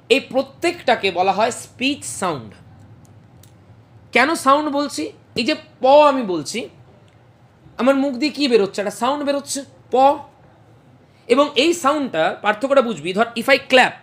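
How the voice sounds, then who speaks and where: A woman teaching a phonetics class, explaining patiently, repeating and sounding out each speech sound and checking that students follow. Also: fairly high pitch. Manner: checks understanding with questions. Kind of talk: classroom lecture mixing Bengali and English.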